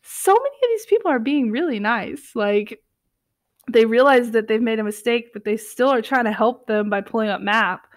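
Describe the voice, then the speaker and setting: A woman's voice: on the high side, lively intonation, normal speed, dry recording, studio quality. A young woman casually reading online stories aloud and commenting on them, chatty and giggly. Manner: chatty, giggly, lots of filler words. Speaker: channel host reading stories.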